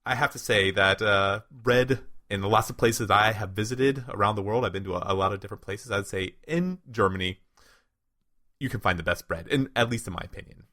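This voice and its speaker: Lower-voiced laughing male co-host. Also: a little fast, bright, forceful tone. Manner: enthusiastic, laughs often, restarts. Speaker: co-host, segment presenter. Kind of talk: casual podcast chat.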